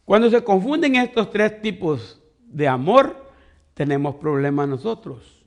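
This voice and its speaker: A man with a high, expressive voice preaches slowly as a pastor. He leads a Bible study, explaining words one step at a time and relying on quoted questions.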